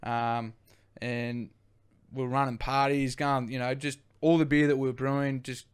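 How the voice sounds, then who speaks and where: A young Australian man tells a long, casual story, rambling and dropping the odd swear word. His voice comes through smooth and clear at an ordinary middle pitch. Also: little pitch movement, measured pace. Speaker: brewery co-founder guest.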